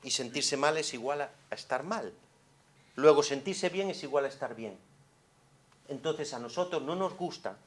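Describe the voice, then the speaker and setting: Psychologist lecturing expressively. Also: male voice, on the high side, normal speed. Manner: expressive, swings from hushed to loud, many rhetorical questions. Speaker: psychologist giving a conference talk. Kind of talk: conference lecture. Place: conference hall.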